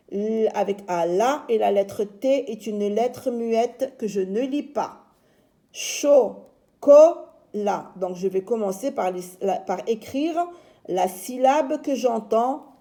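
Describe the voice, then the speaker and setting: A woman teacher giving a slow, patient reading lesson to young children, sounding out each syllable. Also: mid-range voice, mellow.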